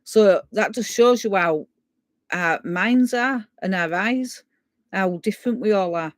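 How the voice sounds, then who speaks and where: A woman's voice: mid-range voice, measured pace, dry recording. Woman telling a ghost story. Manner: clears throat often, acts out quoted voices. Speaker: guest storyteller. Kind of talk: casual spoken ghost story.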